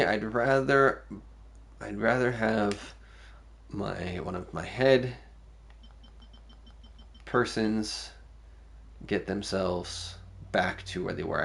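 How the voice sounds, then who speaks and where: A low-voiced man with a gravelly edge chats casually while streaming a game. He muses aloud, weighing one choice against another as he plays. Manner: musing aloud, thinking through choices. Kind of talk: casual gameplay commentary.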